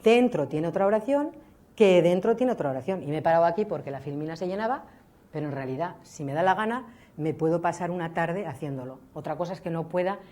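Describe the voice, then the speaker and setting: A woman giving a lively public science lecture, often checking in with her audience. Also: on the low side, fast. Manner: lively, chatty, addresses audience with ¿vale?. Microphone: speaking to a hall audience.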